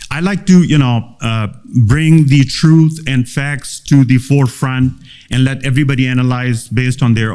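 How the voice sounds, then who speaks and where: A man from Gilgit-Baltistan whose first language is Tibetan gives an earnest, impassioned seminar talk with frequent fillers and restarts. His voice is mid-range with a darkish, clean tone.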